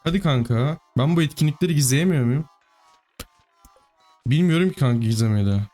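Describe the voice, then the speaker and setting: A man giving live gameplay commentary, excitable, pleading with the game and cursing at it. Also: on the high side, a little fast, soft background music. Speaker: gaming YouTuber.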